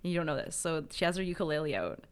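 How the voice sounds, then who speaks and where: Brief: young adult woman, fairly low voice, animated, foul-mouthed storyteller, casual podcast chat. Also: fast, clean tone. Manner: animated, profane, acts out voices in her stories. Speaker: podcast co-host.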